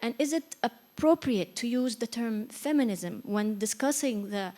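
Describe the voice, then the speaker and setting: A woman from Egypt with a fairly high voice speaks up from the audience at a research seminar. She is earnest and hesitant, pausing often with fillers as she frames a long question. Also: warm tone. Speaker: audience member asking a question.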